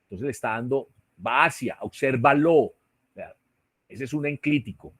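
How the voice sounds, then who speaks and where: This is a male teacher with a Colombian Spanish accent giving an explanatory online lecture via a computer mic on a video call, frequently asking "¿sí?" or "¿cierto?". His mid-range voice is a bit bright and fairly quick, recorded at studio quality with no room sound.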